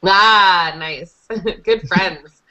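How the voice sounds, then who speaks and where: A young woman runs an online conversational English lesson for a group over a video call, encouraging her students as she speaks extremely slowly in a lowish voice. A noisy crowd sits underneath her. She's in a small indoor room on a headset boom mic, and the audio is dull, lo-fi call quality.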